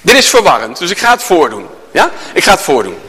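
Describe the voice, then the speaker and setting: A man with a high, bright voice leads a live workshop and swoops all over his range as he jokes with the crowd. His words ring out with the long reverb of a large hall. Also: quick pace. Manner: animated, joking storyteller who addresses the audience. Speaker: workshop speaker. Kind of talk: interactive talk to a live audience.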